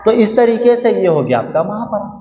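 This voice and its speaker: Male teacher, high voice, quizzes the class then answers himself; roomy, long-reverb, dull lo-fi recording. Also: sing-song, a little fast, warm tone. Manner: asks the class questions and answers them himself, repeats key words. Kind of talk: grammar lesson. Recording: echoey room, muffled lo-fi sound.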